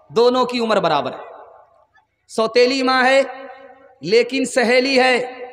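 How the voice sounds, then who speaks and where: A man's voice: very high-pitched, big-room sound. A man preaching a humorous sermon, telling anecdotes and acting out their dialogue, now and then singing verse lines. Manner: animated, acts out dialogue, breaks into sung verses. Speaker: Islamic preacher. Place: large gathering.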